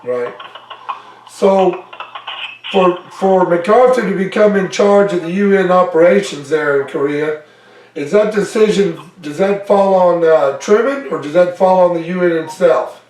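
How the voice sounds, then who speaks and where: A man's voice: sits high, a little slow, a little mellow. A man interviewing a guest over a phone line that sounds like an echo chamber, asking long questions he restarts as he goes. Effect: echo chamber reverb on his line. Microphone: phone call. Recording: echoey, distant phone line.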